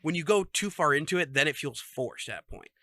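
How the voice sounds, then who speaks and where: A man's voice: fairly high pitch, expressive, brisk, pushed and bright, dry recording, studio quality. A man co-hosting a casual podcast, rambling with lots of fillers and laughing often. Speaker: podcast co-host. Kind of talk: casual chat.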